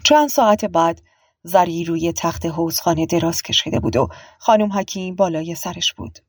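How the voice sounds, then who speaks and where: Breathy woman reading a novel aloud. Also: lowish voice, no echo, studio quality. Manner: calm, measured reading. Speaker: audiobook reader. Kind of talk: literary audiobook narration.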